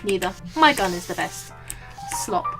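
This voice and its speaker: A woman's voice: mid-range voice, lively intonation, a little slow, fairly bright tone, soft background music. A woman hosting a gaming video, reading game text aloud with casual, playful and jokey commentary. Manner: playful, jokey, breaks into silly asides.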